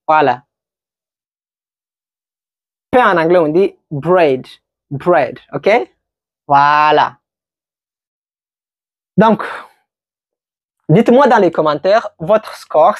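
A woman giving a slow vocabulary quiz lesson as an English teacher, patiently repeating each word for learners. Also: low voice, animated, dry recording, clean studio sound.

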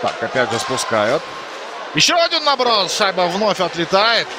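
A man giving live ice hockey commentary in a conversational way, pausing to find words. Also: sits high, huge pitch swings, a crowd in the background, background noise.

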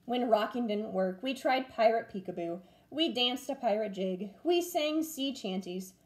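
The recording quality is low as a first-grade teacher in her twenties reads a picture book aloud to children, expressively and at a measured pace. Her pitch is fairly high, and she's in a small room at home by a window.

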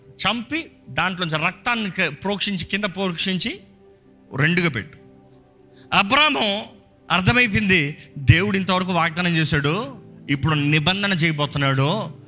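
A man preaching in a church service, his voice sitting fairly high and ringing very bright. He drives his points home with emphatic rhetorical questions to the congregation. Faint music lingers under his words. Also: lively intonation, moderate pace, long pauses. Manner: answers a scripture reader with short affirmations. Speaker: pastor. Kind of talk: sermon.

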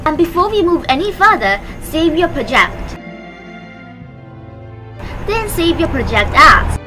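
A young woman hosts a tutorial, reading scripted step-by-step instructions into a close microphone on a stand while background music plays. Her voice sits high and sing-song, with a measured pace and a sharp tone.

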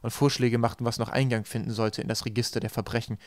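Close, dry audio without echo captures a male audiobook narrator moving briskly through written prose. His voice sits at medium pitch, level in tone and somewhat dark.

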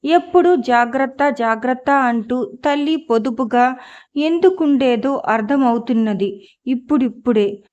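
A woman narrating a story aloud as a scripted audiobook reading, in a slow, measured way. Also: high-pitched, darkish tone, dull audio.

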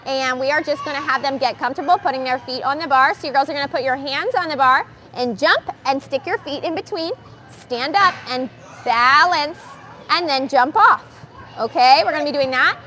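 A young woman coaching kids in a gymnastics gym, explaining stations calmly to viewers and calling out loudly to the girls. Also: high-pitched, normal speed. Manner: upbeat, switches between calm explaining and loud calls to the kids. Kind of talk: live coaching demo addressing kids and viewers. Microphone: wearing the microphone.

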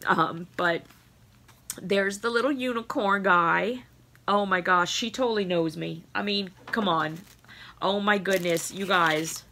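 Gushing woman near tears, bright voice. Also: mid-range voice, a little slow. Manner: gushing and emotional, many laughs and exclamations. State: close to tears. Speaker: craft vlogger opening a swap package. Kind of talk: casual chat to camera. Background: crinkling packaging and bubble wrap.

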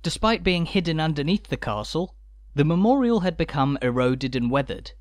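Guy narrating a walking tour, bit higher voice, measured and informative, dry jokes here and there. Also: lively intonation, no echo. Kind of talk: scripted narration.

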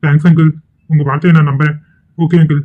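A man's voice: a little high, level tone, quick pace, natural voice. A man voicing a polite, ingratiating young college suitor in a cartoon. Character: smooth-talking young male college suitor. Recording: tinny phone-like audio.

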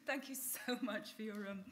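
A woman professor giving an academic lecture on stage, speaking in a measured, formal way. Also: mid-range voice, fairly bright tone, slight background noise.

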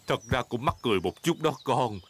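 A man voicing a jolly, caring daddy pig with a gentle, expressive manner and a southern Vietnamese accent in a dubbed cartoon. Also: medium pitch, a little fast, heavy background noise, natural voice. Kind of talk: dubbed preschool cartoon acting. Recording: children's music bed behind.

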